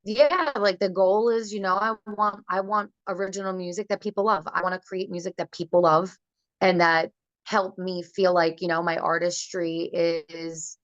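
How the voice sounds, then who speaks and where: Female singer guest on a conference call, low-pitched, chatty, dull dry line. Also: fairly even intonation, normal speed, no room sound. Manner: chatty, loose, many fillers. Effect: heard over a conference call, audio breaking up. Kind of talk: casual remote interview.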